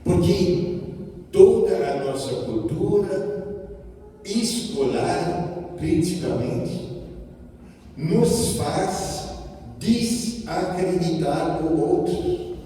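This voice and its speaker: A man's voice: sits high, expressive, drawn-out words, pauses often, warm tone, a little hiss or hum. A priest giving a reflective homily, speaking directly to his congregation in a church. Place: church with a sacristy. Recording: echoey church from far off.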